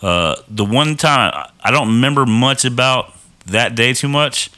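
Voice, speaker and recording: A man's voice: mid-range voice, expressive, unhurried, bright, forceful tone. A young man telling a long story in a casual chat, rambling and swearing often. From Texas. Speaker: podcast guest.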